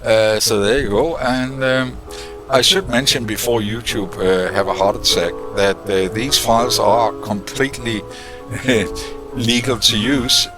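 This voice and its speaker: Over background music, a man with a medium-pitched voice hosts an electronics tutorial, speaking a little slowly. He talks casually through his project as though thinking aloud, with lots of uh's and restarts. It's a relaxed technical walkthrough recorded on a desk microphone that gets switched on and off.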